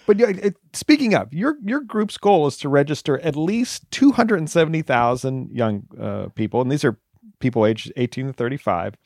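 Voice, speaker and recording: A man's voice: on the high side, lively intonation, darkish tone, dry recording. Interviewer dude, kinda wry, stumbles thru his questions, dry close sound. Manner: halting, lots of fillers and restarts, wry.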